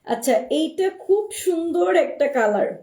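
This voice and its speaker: A woman with a cold and a hoarse voice, showing dresses on a live stream in a chatty, repetitive way and speaking straight to her viewers. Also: very high voice, lively intonation, moderate pace, warm tone. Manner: chatty, addresses viewers directly, repeats herself. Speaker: online clothing seller. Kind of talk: live-stream product showcase. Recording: roomy echo, voice far from the mic.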